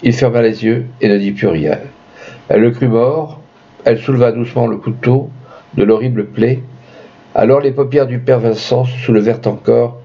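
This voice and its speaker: A man narrating a horror story as an audiobook, reading in an expressive, dramatic way. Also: medium pitch, normal speed, breathy edge, muffled recording. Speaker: audiobook reader.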